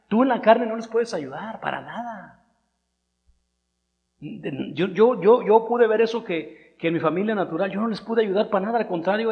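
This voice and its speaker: A man's voice: high-pitched, lo-fi sound. A man with a southern Mexican Spanish accent, preaching a sermon in a conversational, rambling way, repeating his words. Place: church hall. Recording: long reverb in a church hall, through a loudspeaker.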